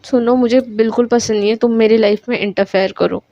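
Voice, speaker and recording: A woman's voice: a little high, steady tone, fairly quick, no room sound, muffled recording, natural voice. A woman voicing a proud, touchy young woman who snaps back defensively, in a storytelling video. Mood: annoyed. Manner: sharp, defensive retorts.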